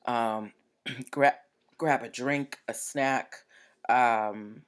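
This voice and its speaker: A very deep, smooth female voice speaks very slowly with fairly even intonation. She's the chatty, upbeat host of a live-streamed business and legal show, talking directly to viewers while struggling with hiccups.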